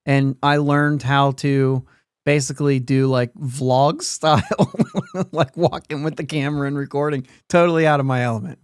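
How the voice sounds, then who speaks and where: A man's voice: medium pitch, fairly even intonation, normal speed, smooth, no room sound, studio quality. A man hosting a sports podcast in casual chat, rambling along and laughing often mid-sentence. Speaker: podcast host.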